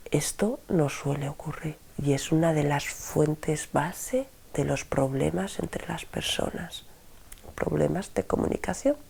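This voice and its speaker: A woman teaching a spoken self-help lesson, expressive, dropping to soft whispers and rising sharply for emphasis. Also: fairly low pitch, vocal fry, husky.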